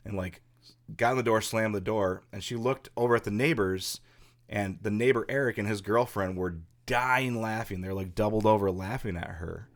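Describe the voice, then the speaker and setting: A man's voice: lowish voice, normal speed. A man hosting a podcast, telling a ghost story in a casual, rambling way with many restarts. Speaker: podcast host.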